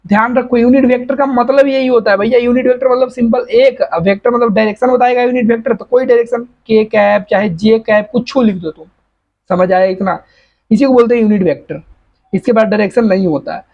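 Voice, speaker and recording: High-voiced man teaching physics step by step. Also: a little fast, highs cut off. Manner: explains step by step, often checks understanding; uses plain everyday examples. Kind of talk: exam-prep physics lecture in Hindi mixed with English.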